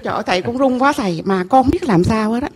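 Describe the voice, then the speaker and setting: A middle-aged woman with a Southern Vietnamese accent gives an emotional personal testimony to a temple master. Her voice sits a little high for a woman. She talks in halting, repeated phrases, with an earnest, confiding manner. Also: lively intonation, darkish tone. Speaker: temple visitor telling her story.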